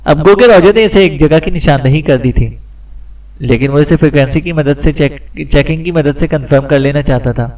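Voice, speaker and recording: Brief: male storyteller reading a thriller, somewhat high-pitched, set back from the mic. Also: a little fast, distant mic, poor audio. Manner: steady storytelling delivery. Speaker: audiobook narrator. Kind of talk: scripted narration.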